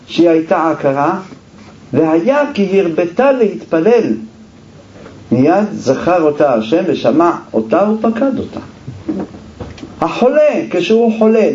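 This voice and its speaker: Male preacher with a high, mellow voice, rhetorical questions, roomy dull recording. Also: slight background noise. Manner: emphatic, asks rhetorical questions and answers them. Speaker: religious teacher. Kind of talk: sermon. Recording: roomy echo, dull lo-fi sound.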